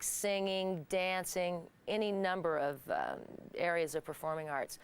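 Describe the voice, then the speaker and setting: Middle-aged Midwestern woman host, low-ish smooth voice, careful clear delivery. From Kansas, United States. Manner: clear, deliberate speech for learners. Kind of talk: monologue to camera.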